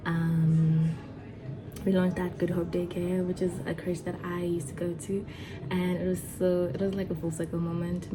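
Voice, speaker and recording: A young woman in her twenties chats to her viewers in a low, fairly flat voice, nervous and excited, restarting her sentences often. Music plays clearly behind her. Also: low-quality recording. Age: 20s. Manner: chatty, excited, nervous, with many fillers and restarts. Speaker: vlogger and foundation founder. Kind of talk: casual talk to camera.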